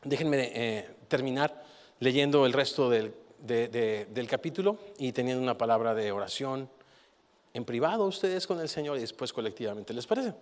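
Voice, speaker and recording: A man preaching a sermon with animated delivery, rising to forceful peaks and dropping to quiet, reflective passages. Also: mid-range voice, moderate pace. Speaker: pastor. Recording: long hall reverb.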